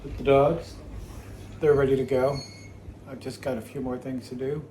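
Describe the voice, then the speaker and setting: A man's voice: medium pitch, little pitch movement, normal speed. Man, casual vlog, jokey, noisy car recording. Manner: easygoing, chatty, jokey with his dogs. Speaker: dog rescuer and vlogger. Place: in his car and outdoors. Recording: noisy car and outdoor ambience.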